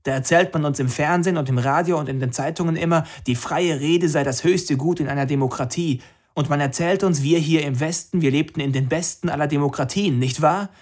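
A man's voice: a little high, brisk, pitched above the performer's own voice, lightly acted. A man voicing a young woman activist who declaims an impassioned speech to a crowd from a rooftop.

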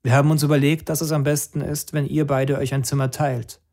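A man reading an audiobook, voicing a stern, decisive middle-aged father in a firm, measured way. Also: on the high side, flat delivery, a little mellow, lightly acted.

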